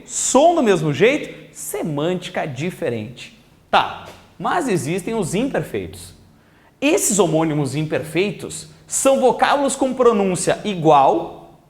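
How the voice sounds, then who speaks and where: Lively high-voiced male teacher. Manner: lively, stretches words slowly for emphasis. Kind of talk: recorded video lesson.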